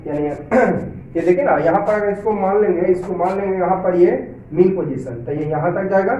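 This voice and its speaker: High-voiced male science teacher, roomy. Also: dark tone. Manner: repetitive, asks check questions often; reads English lines slowly, then explains in Hindi. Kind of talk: classroom lecture for students. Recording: roomy, distant, dull lo-fi sound with faint hiss.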